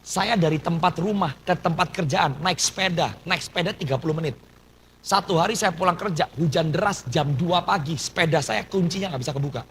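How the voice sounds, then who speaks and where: A man's voice: on the high side, brisk, a bit bright, slight background noise, rough recording. A man from Surabaya, a pastor, preaching a personal testimony with a Surabaya Indonesian accent and mixing in English phrases. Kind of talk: sermon testimony.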